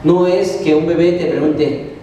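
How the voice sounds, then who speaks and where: Echoey, high-voiced Mexican preacher. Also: male voice, fairly even intonation, measured pace, dark tone, slight background noise. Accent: Mexican Spanish. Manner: asks the congregation questions and answers them. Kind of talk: sermon. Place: church hall. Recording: very echoey hall, mic at a distance.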